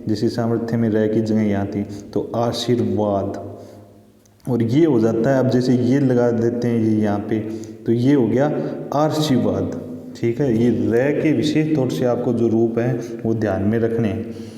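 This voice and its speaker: Patient teacher in an echoey classroom. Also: male voice, mid-range voice, steady tone, normal speed, warm tone. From India. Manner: patient, explanatory, repeats points, checks with "ठीक है". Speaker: Hindi teacher. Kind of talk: classroom grammar lesson. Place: school classroom. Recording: echoey room with long reverb.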